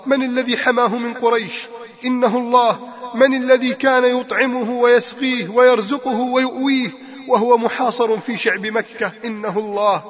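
A man's voice: very high voice, a bit bright. A man preaching a sermon, calling out to his listeners with repeated rhetorical questions. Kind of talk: sermon with Quran recitation. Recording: long reverb, muffled lo-fi sound.

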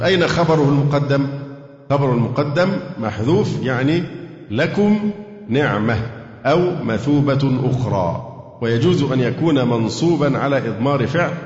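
A man's voice: medium pitch, a little mellow. Egyptian man, Quran teacher quizzing his class, dull lo-fi recording in a reverberant hall. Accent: Egyptian Arabic. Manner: questions the students, recites verses slowly. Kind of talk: Quran interpretation and grammar lesson. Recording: echoey hall, dull lo-fi sound.

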